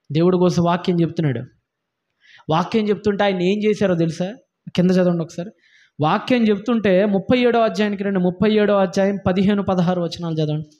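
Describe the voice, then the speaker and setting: A man with a high, lifted voice preaches a sermon. He scolds his listeners and hammers them with repeated rhetorical questions. The recording sounds dull and lo-fi. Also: a little mellow. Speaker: pastor.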